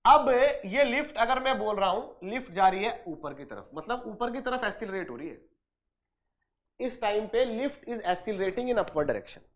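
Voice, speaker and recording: This man's high voice swings widely in pitch and sounds a bit bright, and he speaks at a measured pace. He's giving an online engineering exam-prep lecture, answering his own questions, repeating points, addressing students as dear and brother, and mixing in English technical vocabulary.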